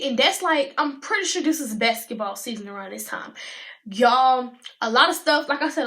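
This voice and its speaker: A teenage woman, telling a storytime in a chatty, animated way and talking to viewers as y'all. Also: sits high. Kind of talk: casual storytime vlog.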